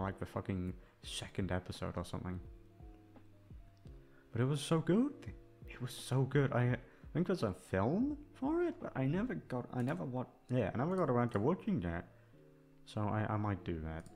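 With a low voice that's very animated and a moderate pace, an ASMR voice actor and channel host chats casually with his audience. He rambles, hesitates, puts himself down and swears freely, sitting a little back from the microphone over soft guitar music.

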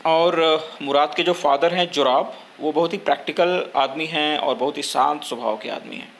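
A young man, explaining a story line by line in a lesson, pausing often with fillers. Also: on the high side, a bit bright, slight background noise. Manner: slow, hesitant explaining with frequent filler pauses. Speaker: teacher.

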